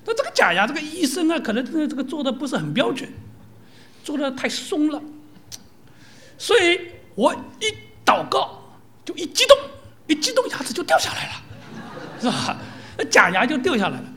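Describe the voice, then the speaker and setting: A preacher voicing an old male seminary dean who has loose dentures, telling the story in an excited, chuckling way. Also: high voice, fast talker, voice pushed up.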